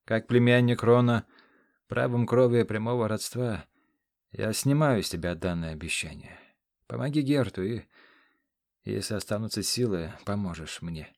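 A man voicing a dying old warrior who speaks weakly but steadily, calm and resigned. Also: fairly low pitch, moderate pace, creaky, no room sound, clean studio sound. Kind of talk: audiobook character reading.

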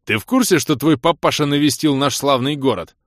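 A man voicing a furious, foul-mouthed young man with broken ribs, yelling insults and indignant complaints. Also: medium pitch, slow, no room sound, studio quality, voice pushed up.

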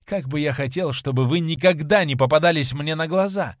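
A man's voice: a little high, brisk, dry recording, natural voice. A man reading the part of a cruel young man in an audiobook, scornful and raising his voice, recorded dry. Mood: furious. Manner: scornful, raised voice.

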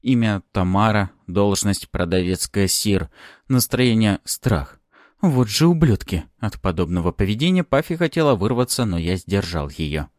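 A man with a low voice narrates a first-person story, his delivery smug and very animated. The recording is dry and close, with no room sound. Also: moderate pace, dry recording. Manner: smug, expressive. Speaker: audiobook narrator.

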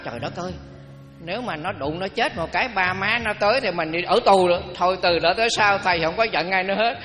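A man's voice: high-pitched, fast, pushed and bright. An older male Buddhist monk, giving a dharma talk in a folksy, humorous storytelling way. His voice rings with long hall reverb and faint music behind.

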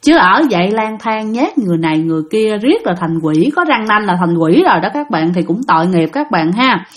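A woman's voice: mid-range voice, a little fast. A woman with a Southern Vietnamese accent, chatting to her listeners as she retells ghost stories sent in by them. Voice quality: lively, dramatic retelling with chatty asides to listeners. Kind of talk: casual spoken storytelling.

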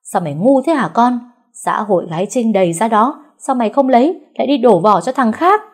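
A woman's voice: lively intonation, fairly quick, lightly acted. Woman doing a screaming cruel mother-in-law. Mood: furious. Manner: shrill insulting shouting.

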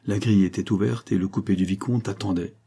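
A man narrating a classic adventure novel as an audiobook, measured and dramatic. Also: on the low side, fairly even intonation, gravelly, warm tone, slightly rough.

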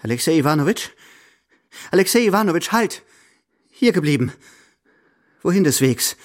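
A man's voice: on the high side, sing-song, measured pace, voice pushed up. A man voicing an imperious, impatient old grandmother at the roulette table, scolding and hissing orders. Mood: coaxing.

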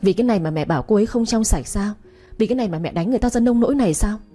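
A woman's voice: medium pitch, lively intonation, fast talker, mellow, slightly rough, faint music behind. A woman voicing a wealthy young husband who speaks coldly and harshly, giving orders in a storybook reading. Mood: cold fury. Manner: harsh, commanding. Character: cold angry young husband, wealthy household heir.

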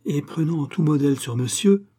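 A man with a husky voice voicing a polite, earnest male household servant in an audiobook reading. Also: fairly high pitch, animated, moderate pace, warm tone, pitched above the performer's own voice. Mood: deferential. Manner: polite, deferential.

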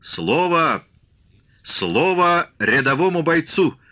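Hoarse male firebrand orator, as a man reads him, raised and bright on a dull lo-fi track. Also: fairly high pitch, unhurried, voice pushed up, exaggerated voice. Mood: fiery rousing. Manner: rousing, declaiming oratory. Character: hoarse male agitator, commanding and fierce.

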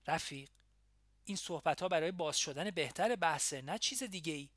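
A man's voice: fairly high pitch, fairly bright tone, dry recording, clean studio sound. A man voicing a young male activist who speaks his mind in a political argument in an audiobook. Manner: frank, then conciliating.

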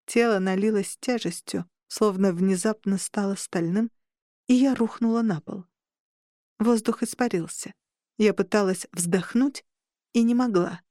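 A woman reads an audiobook aloud in the first person, measured and tense. Her voice sits at an ordinary middle pitch for a woman. The recording is close and very dry. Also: mellow, no echo. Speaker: audiobook narrator. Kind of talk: scripted first-person narration.

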